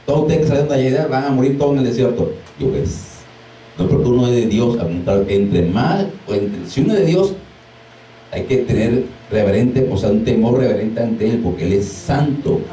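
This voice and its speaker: Animated preaching man, echoey room. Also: mid-range voice, normal speed. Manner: animated, mimics exclamations, laughs while preaching. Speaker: deliverance minister. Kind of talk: informal preaching to a small group. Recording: echoey room, far from mic, faint noise.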